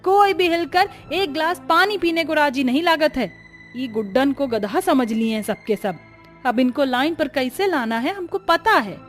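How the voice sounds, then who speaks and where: A woman voicing a scheming young bride with a Bhojpuri-tinged accent and shrill, theatrical wailing. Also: normal speed, soft background music. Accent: Bhojpuri-tinged Hindi.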